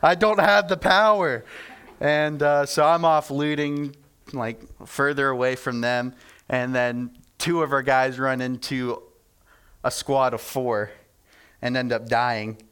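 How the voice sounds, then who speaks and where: A man's voice: medium pitch, level tone, takes it slowly, fairly bright tone, smooth. A young man giving a casual, storytelling sermon, chatty and self-deprecating with lots of fillers. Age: young adult.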